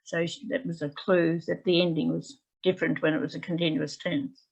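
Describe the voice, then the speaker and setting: Chatty gravelly-voiced woman teacher. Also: low voice, little pitch movement, fairly quick. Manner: chatty, rambling, with fillers and restarts. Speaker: English language teacher presenting. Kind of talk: anecdotal presentation to teachers. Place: home. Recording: dull lo-fi video call audio.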